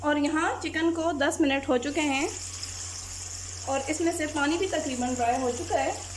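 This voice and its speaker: A woman calmly explaining a recipe step by step as a cooking channel host. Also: sits high, moderate pace, a little hiss or hum. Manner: calm, plain, methodical. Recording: loud frying sizzle behind voice.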